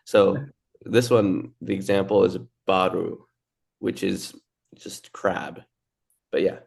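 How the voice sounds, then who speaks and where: A young man teaching a language in a relaxed, casual way, with filler words and restarts. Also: deep voice, slow, vocal fry, slightly rough. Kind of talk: casual lesson.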